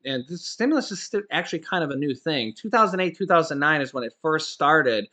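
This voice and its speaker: A man in his forties, a finance YouTuber, talks fairly quickly about finance news in a high, animated, pushed and bright voice. His commentary is casual and emphatic, studded with repeated "okay?" checks and frequent restarts and self-corrections.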